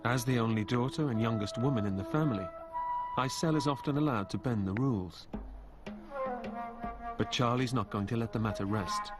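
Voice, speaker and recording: Male documentary narrator over loud music. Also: medium pitch, moderate pace, long pauses. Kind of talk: scripted narration.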